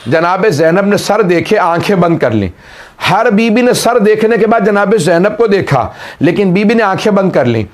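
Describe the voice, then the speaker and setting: In a high-pitched, expressive voice at normal speed, a man preaches an emotional sermon. He narrates a tale of mourning passionately and frequently calls the listeners brother.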